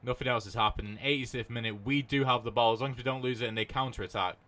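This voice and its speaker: A young man giving casual commentary on a football management game, swearing freely and shouting at big moments. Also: medium pitch, steady tone, racing. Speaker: gaming commentator.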